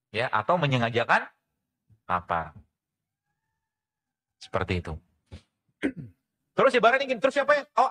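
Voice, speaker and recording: A man preaching a lively sermon to a congregation, often asking questions and answering them himself, sometimes slipping in English phrases. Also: high voice. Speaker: preacher and physician giving a religious health talk.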